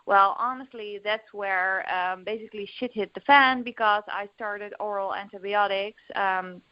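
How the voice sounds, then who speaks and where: This is a young adult woman from the Netherlands with a Dutch accent, a podcast guest who works as a recovery coach. Her medium-pitched voice has fairly even intonation at normal speed, with no room sound, though the audio is dull lo-fi. She speaks openly in the interview, full of fillers and restarts.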